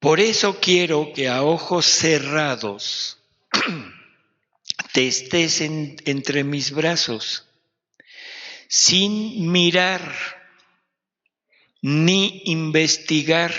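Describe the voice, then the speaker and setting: A man's voice: on the high side, pushed and bright. A man preaching at a retreat in a conversational, joking way, often quizzing his listeners. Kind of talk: sermon. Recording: dull recording in a reverberant hall.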